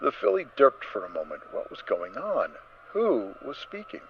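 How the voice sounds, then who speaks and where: With theatrical emphasis, a male narrator reads a dramatic story at a normal speed. His mid-range voice swings hugely and freely in pitch as the tale unfolds. The recording sounds slightly muffled and carries faint noise.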